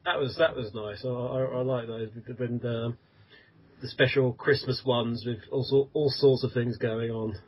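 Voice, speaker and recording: A man's voice: mid-range voice, steady tone, unhurried, breathy edge. A man who founded the site, talking hesitantly with repeated words in a casual group interview. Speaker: website founder, guest. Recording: dull lo-fi audio.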